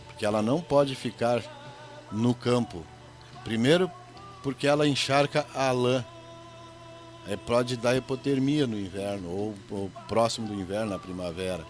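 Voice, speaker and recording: A man's voice: medium pitch, moderate pace, soft background music. A middle-aged man with a gaúcho Brazilian accent, an evangelist guest telling folksy stories in a radio interview. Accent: Gaúcho Brazilian Portuguese. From Rio Grande do Sul, Brazil. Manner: folksy storytelling with jokes.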